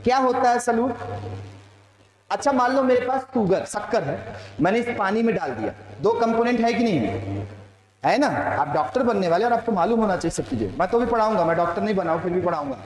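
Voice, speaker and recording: A man with an Indian accent teaching a chemistry class, slowly dictating notes and quizzing students with questions he answers himself. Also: high voice, lively intonation. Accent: Indian, Maharashtra. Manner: addresses students as "beta", asks and answers his own questions; slow dictation of English phrases mixed with quick Hindi explanation. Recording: very echoey classroom.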